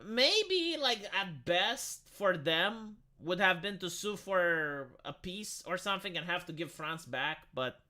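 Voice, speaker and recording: His voice is high and swings widely in pitch, yet he talks slowly with few pauses, sounding pushed, bright, tinny and metallic. As a live streamer, he fires back at comments in blunt, argumentative, casual chat laced with swearing.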